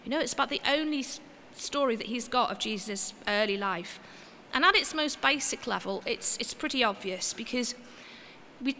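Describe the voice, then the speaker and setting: A woman preacher with a fairly high, bright voice gives a relaxed, chatty sermon. Her talk is homely and she pokes gentle fun at herself. The sound carries the long reverb of a church hall, with faint noise behind. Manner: chatty and homely, with gentle self-mocking asides. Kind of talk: informal sermon.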